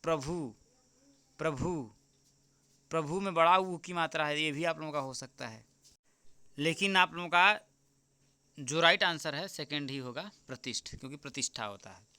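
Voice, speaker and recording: A man teaching as an exam tutor, going through a paper answer by answer, repeating the key answers slowly and often checking with "right?". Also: fairly high pitch, bright, forceful tone. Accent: Hindi. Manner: repeats answers slowly, keeps asking "ठीक?"; addresses viewers as friends.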